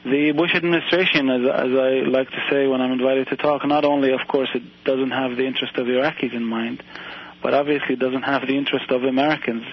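Flat-voiced man from Iraq on radio. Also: mid-range voice, husky, highs cut off. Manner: earnest, measured, with repeated restarts. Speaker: university professor, interview guest. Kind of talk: radio interview.

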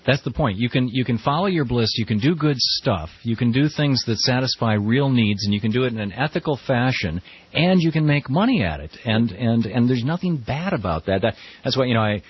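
A man's voice: medium pitch, animated, a little fast, husky. A man hosting a live radio talk show in a conversational way. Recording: dull radio broadcast audio, faint music.

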